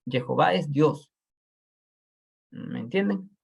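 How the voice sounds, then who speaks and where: A man teaches a Bible class over a video call. His voice is gravelly and husky, and it rises and falls in a lively way. He explains step by step and keeps checking that his listeners follow. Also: fairly high pitch, slow pace.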